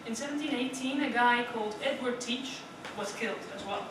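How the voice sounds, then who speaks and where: A young Dutch club speaker, her voice on the high side and brisk, gives a prepared speech in a meeting room. Her tone is chatty, with questions to the audience and frequent "right?". The audio was captured from afar, echoey and with noise.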